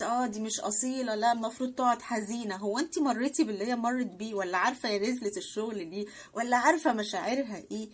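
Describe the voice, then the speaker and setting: A woman with an Egyptian Arabic accent talking earnestly to her followers, often acting out what other people say. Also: fairly high pitch. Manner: earnest, appealing to listeners, acting out quoted people. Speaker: social media advice speaker. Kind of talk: direct-to-camera advice talk.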